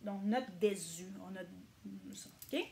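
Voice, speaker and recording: A woman's voice: medium pitch, slow, mellow. A woman giving a casual video lesson as a language teacher, checking in often with her viewers. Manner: chatty, checks in with frequent "ok?".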